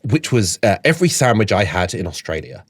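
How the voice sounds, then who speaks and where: Low-voiced man riffing wryly. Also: fairly quick, breathy edge, dry recording, studio quality. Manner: wry, riffing with deadpan jokes. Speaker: podcast co-host. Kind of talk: casual comedy chat.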